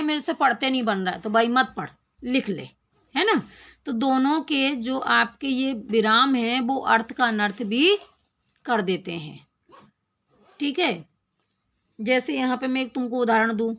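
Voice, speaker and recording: A woman teaching a grammar lesson, explaining slowly, repeating phrases and asking questions of her class. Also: fairly high pitch, a bit bright, muffled recording.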